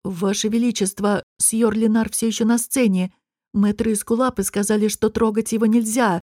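A woman voicing a respectful lady-in-waiting who speaks softly and carefully. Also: medium pitch, flat delivery, moderate pace, dry recording, studio quality, lightly acted. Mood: gentle.

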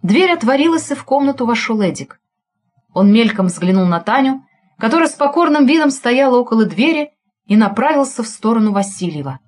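Expressive woman audiobook narrator. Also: fairly high pitch, a little fast. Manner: expressive, follows the heroine's thoughts.

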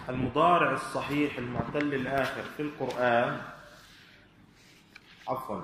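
A man teaching Arabic grammar to a class, speaking slowly and deliberately and putting questions to his students. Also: mid-range voice, bright, forceful tone. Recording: echoey hall with faint room noise.

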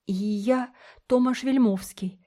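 A woman's voice: slow, dark tone. A woman voicing a frightened teenage boy who pleads and protests in a raised, breathless voice. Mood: pleading. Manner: breathless, high pleading cries.

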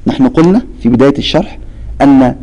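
A man gives a Quran recitation lesson, reciting verses, answering questions he poses himself and speaking to students by name. His mid-range voice is fast and dark-toned with vocal fry, and the audio sounds dull.

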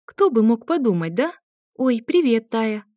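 Female reader doing an excitable young expectant mother, lively. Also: a little high, a little slow, no echo, clean studio sound, pitched above the performer's own voice. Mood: cheerful. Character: chatty, pregnant young woman, cheerful and excitable.

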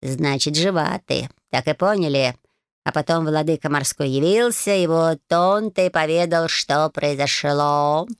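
A woman's voice: low-pitched, no echo, clean studio sound. Woman doing a grumpy wheezy talking cat. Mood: grumbling. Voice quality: wheezy, gruff. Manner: slow, drawling grumble. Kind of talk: audiobook character voice.

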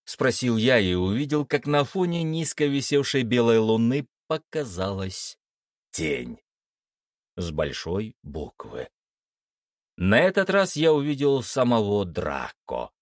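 A man's voice: mid-range voice, big pitch swings, slow, dry recording. A man narrating a first-person fantasy audiobook in a wry, slangy manner, recorded close to the mic.

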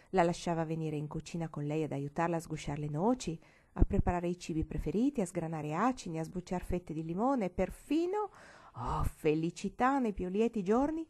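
A woman reads a storybook aloud with a mellow, warm tone. Her reading is expressive, and her voice sometimes drops to a whisper. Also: fairly low pitch, normal speed. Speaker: audiobook reader.

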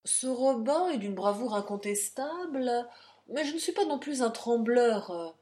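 Haughty taunting count, pitched up and loud, a woman reading the part. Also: animated, a little slow. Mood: cool scheming. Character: arrogant, insolent male aristocrat count.

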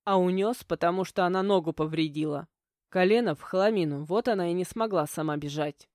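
Woman voicing a reserved young man, terse reluctant replies, mellow tone, dry close audiobook sound. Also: lowish voice, fairly quick, no echo, natural voice.

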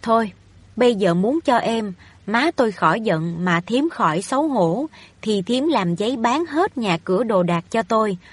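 A woman's voice: a little high, animated, normal speed, breathy edge, no echo. Woman reading as an overbearing rich young lady. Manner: scolding, overbearing. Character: haughty wealthy young woman, landlord's daughter. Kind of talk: audiobook reading of a novel.

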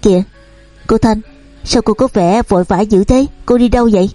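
A woman's voice: mid-range voice, moderate pace, warm tone, no room sound, soft background music, natural voice. A woman voicing a tall, cheerful young man who is eager to talk.

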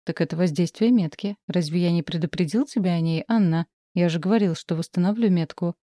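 A woman's voice: fairly low pitch, brisk, mellow, no room sound, clean studio sound, lightly acted. A woman reading the lines of a mocking, teasing male demon prince in a storybook. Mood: smug.

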